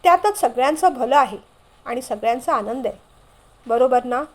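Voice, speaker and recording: Woman as young brother, teasing, playful, reassuring, high voice. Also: lively intonation, normal speed.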